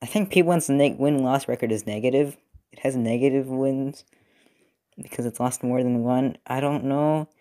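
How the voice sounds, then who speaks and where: A young man talks casually in a mid-pitched voice while he works. He rambles, with many fillers and restarts. His pitch sits neither high nor low. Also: moderate pace, dark tone. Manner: rambling, filler-heavy, self-correcting. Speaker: robot-building video creator. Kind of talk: casual commentary while working. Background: TV football game.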